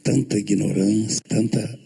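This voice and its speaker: A man's voice: fairly low pitch, steady tone, a little slow, vocal fry, dark tone, breathy edge. A man from Minas Gerais preaching a humorous church sermon. He tells jokes, asks the congregation questions, and acts out the quotes. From Minas Gerais, Brazil.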